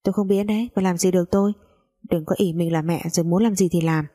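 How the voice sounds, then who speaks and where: A woman's voice: fairly low pitch, fairly even intonation, quick pace, dark tone, close to an everyday voice. A woman voicing a brash young man who teases and defies others in a cocky manner, in a storybook reading. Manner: cocky, teasing, defiant.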